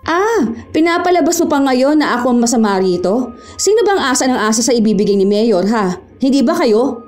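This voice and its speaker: A woman playing a rude, haughty young town-hall clerk who talks down to people in a sharp, scornful way. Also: on the high side, sing-song, brisk, soft background music. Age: young adult.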